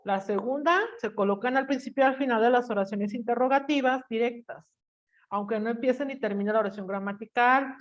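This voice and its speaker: A woman teaches a class in a chatty, teasing way, often stopping to quiz her students. Her voice sits a bit high. The audio is dull and muffled, like lo-fi sound. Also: a little fast. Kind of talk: online class lecture.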